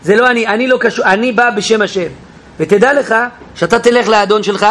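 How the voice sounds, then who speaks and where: A man teaching a Bible class in an animated way, questioning his listeners and acting out quotes. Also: high-pitched. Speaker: Torah teacher. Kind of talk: lively Bible class lecture.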